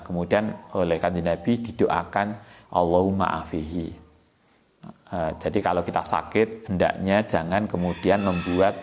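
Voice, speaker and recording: A man with a Javanese accent teaching a pesantren kitab lesson, reading Arabic lines and explaining them in a relaxed, chatty way with many pauses and fillers. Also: deep voice, slight background noise. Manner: reads Arabic text then glosses it in Javanese and Indonesian; relaxed, conversational, with frequent "eh" and "hmm".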